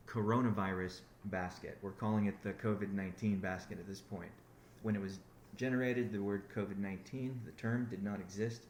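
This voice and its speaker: A company founder rambles through a business update on a conference call, frequently breaking off to correct himself and begin again. His fairly low voice is a little mellow. The recording has an echoey room and a faint hiss or hum.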